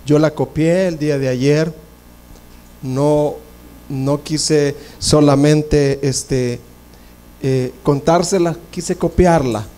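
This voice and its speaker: A male pastor preaches in a slightly raised voice and at an unhurried pace. He swings from loud, high-pitched declarations to hushed, whispered prayers, and he puts on a higher voice for the people he quotes. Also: steady tone, slight background noise. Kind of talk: sermon.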